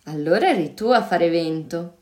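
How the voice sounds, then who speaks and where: A woman reading aloud gives voice to a young storybook boy, excitable and a little cheeky. He blurts out his lines in quick, excited exclamations. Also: lowish voice, close to an everyday voice.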